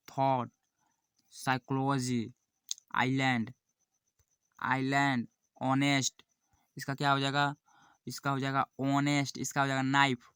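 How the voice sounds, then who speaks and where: A man's voice: medium pitch, fairly bright tone, smooth, no echo, studio quality. A man teaching a beginner's English lesson, repeating each point and checking in with "okay" as he goes. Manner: repeats points, keeps saying "look" and "okay". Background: music.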